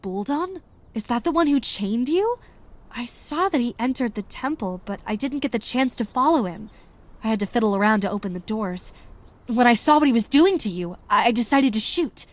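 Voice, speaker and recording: A woman's voice: a little high, lively intonation, normal speed, close to an everyday voice. A young woman voicing a brave granddaughter adventurer in a game cutscene, speaking in an earnest way.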